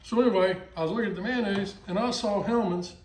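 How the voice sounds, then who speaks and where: High-voiced and quick, a man from Texas with a Texan accent chats through his cooking vlog in a folksy way, wandering into asides. The recording is distant and echoey, picked up off-mic with frying behind him.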